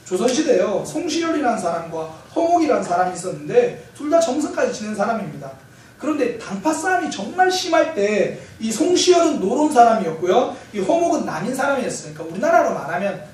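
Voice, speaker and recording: A man preaching a Sunday sermon as pastor, telling stories in a lively way with light humor. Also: very high voice. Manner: lively storytelling with self-corrections and light humor. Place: church sanctuary. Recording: very echoey church hall, mic far off, faint hiss.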